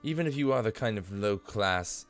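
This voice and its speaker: A man putting on a menacing town guard who talks down to everyone, with a very deep, low voice. The guard sneers and threatens, his tone heavy and cold, with faint music playing underneath. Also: animated, moderate pace. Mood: sneering. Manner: condescending, menacing.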